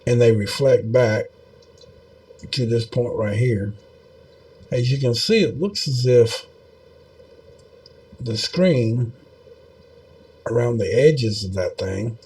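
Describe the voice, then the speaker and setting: A man's voice: medium pitch, mellow. A man giving casual, rambling video commentary in a folksy, meandering way, with many fillers. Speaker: video host.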